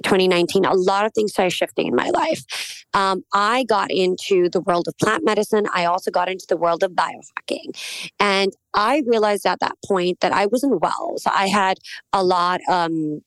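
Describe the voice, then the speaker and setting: A woman's voice: medium pitch, no echo, rough recording. A woman in her forties with an American accent, raised in Pakistan, telling her story candidly as an interview guest. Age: 40s. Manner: candid and conversational, quick storytelling with fillers. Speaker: guest, agency founder. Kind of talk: casual interview conversation.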